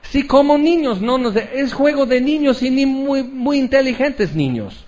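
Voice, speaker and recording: A male pastor, preaching a sermon in an animated storytelling way, acting out little scenes. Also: extremely high pitch, normal speed, highs cut off. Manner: animated storytelling with acted-out asides.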